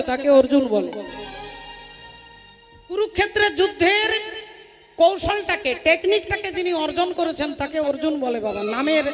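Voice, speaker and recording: A woman kirtan singer telling a devotional story to devout listeners, breaking into chanting between passages on a live stage. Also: very high-pitched. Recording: long hall reverb with loud music.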